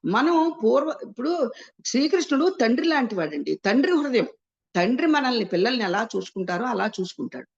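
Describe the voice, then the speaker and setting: A woman's voice: fairly high pitch, very animated, a little fast, creaky. A woman explaining scripture, asking and answering her own rhetorical questions and mixing English words into her speech. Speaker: spiritual teacher. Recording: muffled lo-fi sound.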